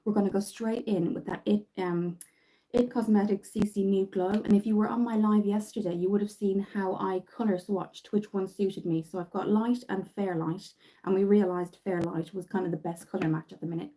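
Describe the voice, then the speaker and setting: Chatty Irish woman, mellow voice. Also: mid-range voice, fairly even intonation, moderate pace, poor audio. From Ireland. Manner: chatty, rambling, many fillers and restarts. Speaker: makeup vlogger. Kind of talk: casual livestream makeup tutorial. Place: bedroom at home.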